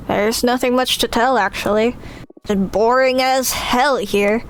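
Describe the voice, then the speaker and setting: A woman voicing a weary, isolated witch, reading game dialogue slowly and subdued. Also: on the high side, fairly even intonation, slight background noise, close to an everyday voice, low-quality recording.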